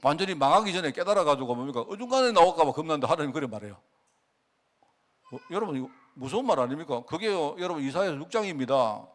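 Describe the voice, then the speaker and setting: Animated preaching man, lively pitch. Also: quick pace. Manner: animated, rhetorical questions to the congregation; acts out God's words in quoted voice. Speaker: pastor. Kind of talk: sermon.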